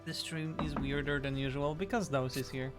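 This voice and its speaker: A man's voice: medium pitch, fairly even intonation, moderate pace, over music. A non-native English-speaking man streaming a game, chatting casually and yelping when something attacks him. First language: not English. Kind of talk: casual live-stream chat while gaming.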